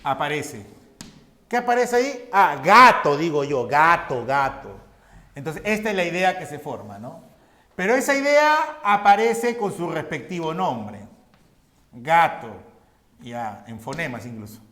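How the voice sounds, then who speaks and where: A man teaches a class at an unhurried pace, his voice sitting high and swinging widely in pitch. He lays the material out step by step, putting questions to the students and answering them himself. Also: big pitch swings, sharp tone. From Peru. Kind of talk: recorded class lecture.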